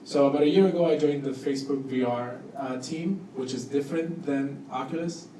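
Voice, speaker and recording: At a panel talk in an indoor event room with an audience, a guest product designer from Cuba and Costa Rica gives an informal, self-effacing spoken introduction. His middle-pitched voice is a little fast and a little hesitant. He is recorded from some distance in an echoey room with clear background noise.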